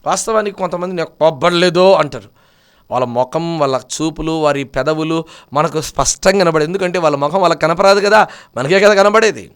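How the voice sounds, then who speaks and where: A man preaching a sermon, swinging between loud, pleading rhetorical questions and quiet, low asides. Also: a little fast, smooth.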